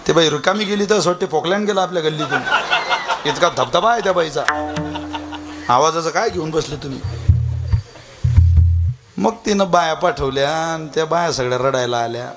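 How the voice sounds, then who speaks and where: A man with a high, ringing voice delivers a devotional kirtan sermon. He slowly chants verse, then drifts into humorous storytelling and preachy asides. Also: music in the background. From Vidarbha, Maharashtra.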